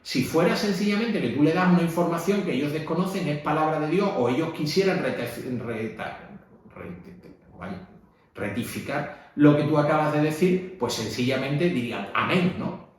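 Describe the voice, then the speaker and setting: A man's voice: fairly high pitch, expressive, normal speed. Man explaining in an echoey room. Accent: Spanish (Spain). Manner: conversational, frequent tag questions. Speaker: priest teaching lectors. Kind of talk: instructional talk.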